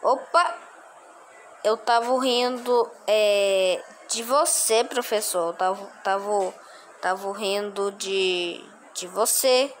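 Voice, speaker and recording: A woman voicing a cheeky schoolboy who sneaks his phone into class, talking in a squeaky, fibbing way. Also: takes it slowly, a little hiss or hum, lightly acted.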